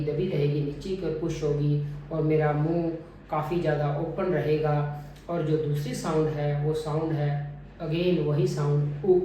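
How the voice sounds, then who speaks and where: A man teaching a phonetics lesson, deliberately modelling each vowel sound over and over. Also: fairly high pitch, warm tone, a little hiss or hum. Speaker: English pronunciation teacher. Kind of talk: phonetics lesson with drilled repetitions. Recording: very echoey room, mic at a distance.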